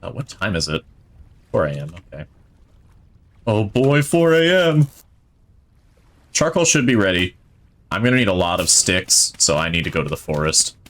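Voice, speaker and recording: A male streamer with a fairly low voice that swings widely in pitch as he talks. He rambles through casual gameplay commentary, thinking aloud and gushing with enthusiasm. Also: lively intonation, normal speed, long pauses, fairly bright tone. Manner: enthusiastic about the game.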